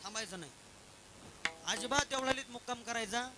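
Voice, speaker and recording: A man preaching a kirtan sermon, telling a devotional story in a lively way, asking the audience questions and sometimes singing verses. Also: extremely high pitch, fairly quick, background noise. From Maharashtra. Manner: breaks into sung verses.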